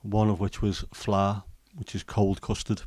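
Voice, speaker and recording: A livestream host from England rambles through casual chat and live comments, full of ums and restarts. His fairly low, darkish voice is completely flat and a little slow, captured in a dry recording.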